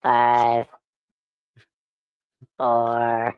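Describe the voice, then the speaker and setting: A glitching robot on a dying battery, voiced by a man through text-to-speech, drawing out each word very slowly. The tone is smooth and clean, with almost no rise or fall, and it sits dry and close with no room sound. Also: medium pitch, monotone, no echo, dull audio. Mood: malfunctioning. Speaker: stream guest.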